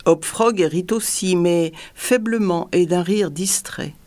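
A woman reads a dark tale aloud as an audiobook narrator. Her voice sits on the lower side, and she tells it in an even, dramatic manner. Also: slow. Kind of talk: scripted story narration.

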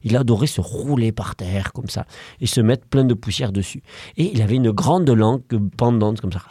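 A man improvising a bedtime story for a child at home, playful and animated with small hesitations. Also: mid-range voice, normal speed, dry recording, clean studio sound. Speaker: parent telling a bedtime story.

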